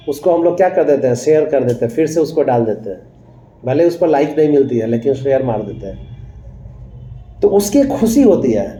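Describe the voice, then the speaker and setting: A man's voice: a little high, warm tone, roomy sound, rough recording. A man teaching English to a class, mixing Hindi with English phrases, repeating lines and telling stories from his own life. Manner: tells anecdotes, addresses students directly. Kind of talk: classroom lecture.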